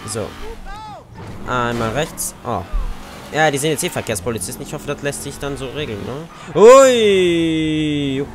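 A young let's-play gamer with an Austrian German accent chats casually over his gameplay, cursing at other drivers. His voice is a little high, animated and a bit slow, with game car noise beneath it and faint music behind.

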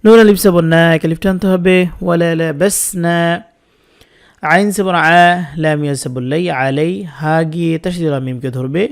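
A man teaching Quran recitation, patiently spelling out each letter and vowel before drawing the words out slowly. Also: fairly high pitch, steady tone, clear, resonant tone.

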